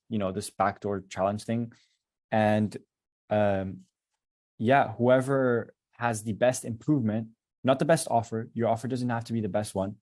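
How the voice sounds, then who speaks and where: A man's voice: mid-range voice, mellow. A man acting as a business coach on a video call, giving casual, direct advice.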